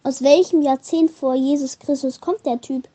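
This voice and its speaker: A woman's voice: high voice, steady tone, moderate pace, mellow, close to an everyday voice. A woman voicing a witty teenage schoolgirl with dry, wisecracking humor in a storybook reading.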